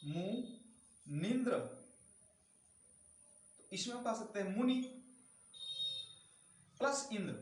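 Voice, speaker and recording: A male teacher with a high voice talks through a grammar lesson in a clearly echoing room. He stands off from the mic, so he sounds distant. He goes step by step, repeats the key sounds and keeps asking rhetorical questions. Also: a bit bright.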